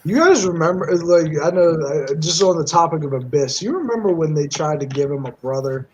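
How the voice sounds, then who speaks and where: A man co-hosting a casual wrestling podcast, chatty and lively. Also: a little high, brisk, slight background noise. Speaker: podcast co-host. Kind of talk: casual chat. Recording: husky voice on a dull lo-fi mic.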